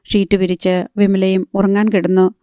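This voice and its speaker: A woman narrating a novel in a measured, steady reading. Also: medium pitch, no room sound, clean studio sound. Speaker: audiobook narrator. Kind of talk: scripted narration.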